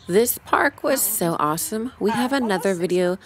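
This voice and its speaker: A woman's voice: medium pitch, animated, moderate pace, a crowd in the background. A middle-aged woman, a mother, giving an upbeat scripted voice-over about a family trip. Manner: upbeat, explanatory. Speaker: mother and vlogger. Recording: voice-over with music underneath.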